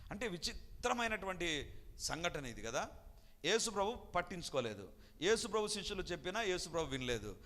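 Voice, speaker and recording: A man preaching a sermon with a high, bright voice that swings widely in pitch. He talks emphatically and acts out the people in the story. His voice rings with long reverb. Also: big pitch swings, fairly quick. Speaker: pastor.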